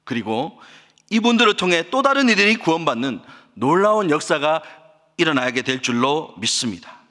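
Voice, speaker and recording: A man's voice: on the high side, big pitch swings, normal speed, pushed and bright. A man, a pastor, delivering an impassioned sermon that rises and falls, recorded in a church sanctuary. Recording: long church reverb.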